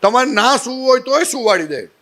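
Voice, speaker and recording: A high-pitched male voice carries this satsang talk, spoken with a Gujarati accent. He teaches through funny everyday stories and keeps putting questions to his listeners. His delivery is lively and full of play. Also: brisk. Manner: humorous, animated storytelling with rhetorical questions. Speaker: spiritual teacher.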